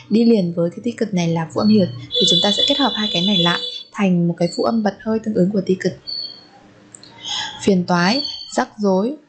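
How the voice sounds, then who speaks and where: A woman teaching Korean vocabulary to Vietnamese speakers, saying each word slowly three times and then explaining its pronunciation. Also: mid-range voice, a little hiss or hum. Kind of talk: vocabulary lesson with repeated pronunciation.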